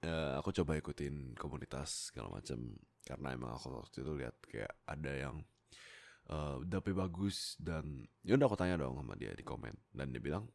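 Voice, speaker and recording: An extremely low, gravelly and slightly mellow voice belongs to a young man from Indonesia who speaks briskly and expressively. Recorded on a close USB microphone, the amateur voice actor and content creator chats to followers about his life, informal, self-deprecating and giggly.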